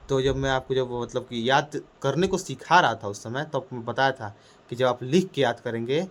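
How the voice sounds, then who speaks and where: Guy teaching little kids letters, loud and peppy, keeps asking the class stuff, medium voice, small room. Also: mid-range voice. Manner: repetitive, asks questions to the class, sounds out letters; speaks loudly and energetically. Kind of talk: children's lesson.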